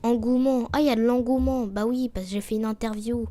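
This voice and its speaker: This woman, a let's play gamer, talks a little fast in a steady, somewhat high voice. She reads the game's on-screen text aloud, mutters to herself, and occasionally whispers quietly as she thinks.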